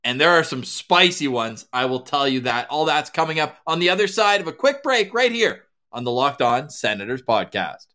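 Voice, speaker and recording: A man's voice: fairly high pitch, sing-song, normal speed, hardly any pauses, bright, forceful tone. A man hosting a casual sports podcast, joking with his co-host and plugging the show. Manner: jokey, plugs the show with upbeat energy.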